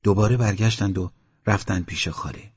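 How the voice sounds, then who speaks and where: A man narrates a scripted audiobook in a steady, measured storytelling voice that sits low with a husky edge. The recording sounds dull and lo-fi.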